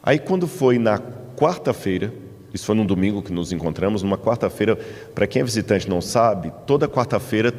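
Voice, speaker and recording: A man with a Brazilian Portuguese accent, a preacher telling his testimony from the pulpit as a lively storyteller. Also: lowish voice, brisk, in a large hall. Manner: lively storyteller, acts out dialogue in raised voices. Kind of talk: sermon testimony. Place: church in the United States.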